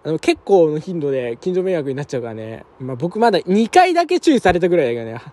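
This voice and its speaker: A young man doing casual let's-play commentary at home, talking roughly to himself and his viewers with quick chuckles. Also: fairly high pitch, sing-song, mellow. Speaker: game streamer. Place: apartment room at night, keeping his voice down.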